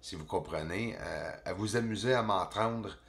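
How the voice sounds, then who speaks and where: A man whose native language is English, speaking French with a Quebec accent as a channel host, giving casual, animated commentary over video footage. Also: low-pitched, moderate pace, vocal fry. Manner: animated, exclaiming, chatty, peppered with filler words.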